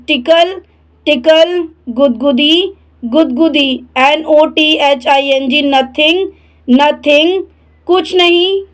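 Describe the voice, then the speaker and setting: A woman teaches English words in a spelling-and-repeat drill. She spells each letter, says the word twice, then gives its translation. Her voice sits high and the pace is very slow. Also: poor audio.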